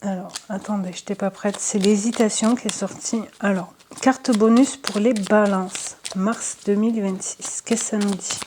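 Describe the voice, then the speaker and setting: A woman doing a casual card reading for her viewers, chatty and hesitant, with many fillers and soft asides. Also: mid-range voice, fairly even intonation, normal speed, hardly any pauses, a little hiss or hum. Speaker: tarot and oracle card reader.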